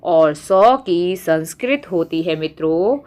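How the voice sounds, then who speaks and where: A woman teacher giving a lesson, reciting number words slowly and asking the viewer questions as she goes. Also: on the low side, lively intonation, dark tone. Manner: slow, deliberate recitation, quizzing the viewer. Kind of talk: classroom lesson.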